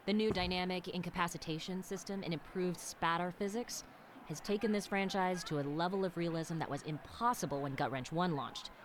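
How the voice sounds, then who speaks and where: A woman's voice: lowish voice, a little fast, slight background noise, close to an everyday voice. A woman playing a glib game marketing director. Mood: salesy. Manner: salesy, glib and dismissive. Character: brash woman marketing director hyping a shooter. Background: game music.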